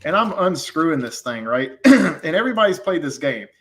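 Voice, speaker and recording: A man with a slightly raised pitch spins lively work stories in a relaxed podcast conversation. He talks loosely, dropping slang and acting out both sides of each exchange. It feels like easy shop talk between tradesmen. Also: moderate pace. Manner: animated storytelling with slang. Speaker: HVAC technician telling stories. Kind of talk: casual podcast chat.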